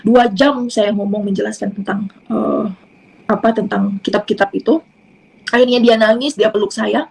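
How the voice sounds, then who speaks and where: A woman from South Sulawesi with a Bugis accent, giving a halting, unhurried personal testimony. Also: mid-range voice, creaky, a little mellow, slightly rough, poor audio.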